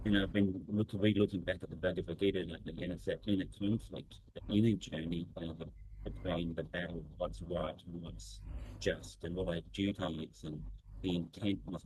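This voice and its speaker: A man's voice: low-pitched, fairly even intonation, a little mellow. A man sharing reflectively in an online group call, his voice distorted and clipping through a poor microphone. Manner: thoughtful, halting, with many fillers. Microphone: laptop or device mic on a video call. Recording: distorted noisy call audio.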